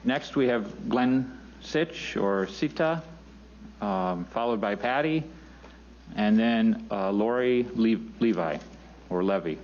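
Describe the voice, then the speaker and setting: A man chairing a hearing, brisk and procedural as he calls witnesses. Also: mid-range voice, a little mellow. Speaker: committee chair. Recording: dull distant hearing room audio, faint noise.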